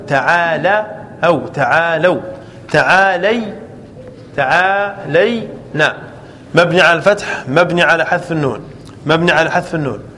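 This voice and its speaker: A man teaching an Arabic grammar class, slowly drawing out example words and often checking that the students follow. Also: high voice, a bit bright. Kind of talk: classroom lesson. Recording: echoey hall with faint ambient noise.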